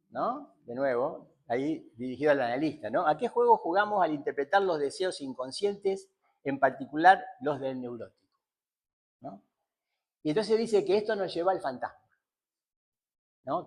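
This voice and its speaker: A man's voice: a little high, husky. A man giving a seminar lecture on psychoanalysis, thinking aloud with many fillers and repeated tag questions.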